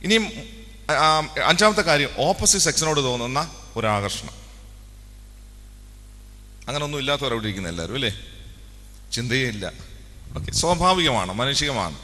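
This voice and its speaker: A man's voice: medium pitch, big pitch swings, normal speed, pauses often. A man giving a conversational sermon to young people at a camp, asking the audience questions and acting out what people say. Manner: conversational, asks the audience, acts out quotes softly. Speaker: youth camp speaker. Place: large hall at a camp. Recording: long hall reverb.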